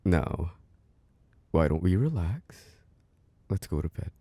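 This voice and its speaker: In a cozy, affectionate ASMR roleplay, a man plays a devoted, protective boyfriend gently coaxing his tired partner toward sleep. His low, mellow voice is recorded close and dry, with no echo, as he murmurs tender reassurance slowly in soft, breathy tones. He stays fully in character and is very animated.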